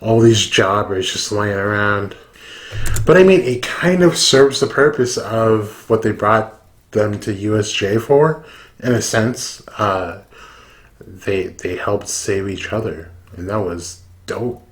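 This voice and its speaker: A man's voice: on the low side, slow. A man who is drunk, giving casual reaction commentary full of swearing and slang. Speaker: YouTube reaction host.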